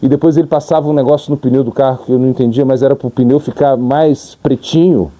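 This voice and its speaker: A man's voice: mid-range voice, steady tone, fast, mellow. A middle-aged man with a Brazilian accent, a monk giving an informal sermon who tells stories and acts out dialogue and sound effects. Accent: Brazilian Portuguese. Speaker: monk giving a spiritual talk.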